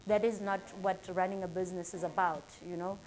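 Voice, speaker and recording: A woman's voice: fairly low pitch, fairly even intonation, fairly quick, a little mellow. Earnest South African woman in her thirties. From Durban, South Africa. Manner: earnest, upbeat and motivational. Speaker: salon owner. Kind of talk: casual interview answers.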